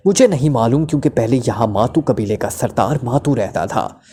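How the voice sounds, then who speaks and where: A man's voice: medium pitch, animated, moderate pace, dark tone, natural voice. A man voices a terrified male club owner who stammers and trembles under interrogation, then talks on and on. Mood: talkative.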